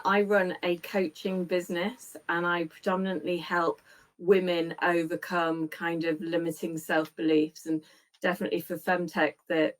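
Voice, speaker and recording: A woman coach introducing herself on an online panel over a video call, brisk and friendly. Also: on the low side.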